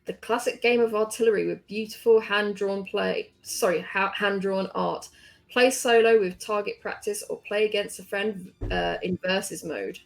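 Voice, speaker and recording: Gravelly-voiced woman co-hosting. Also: mid-range voice, steady tone, moderate pace. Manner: reads store blurbs, hesitant, laughs softly. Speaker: podcast co-host. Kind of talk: casual podcast chat.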